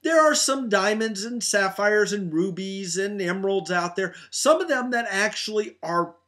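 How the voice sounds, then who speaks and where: A man's voice: sits high, lively intonation, moderate pace, bright, forceful tone. A middle-aged man, a meteorite hunter, talks casually to camera about gemstones, keen and full of fillers and restarts. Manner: enthusiastic, many fillers and restarts. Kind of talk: casual product talk to camera.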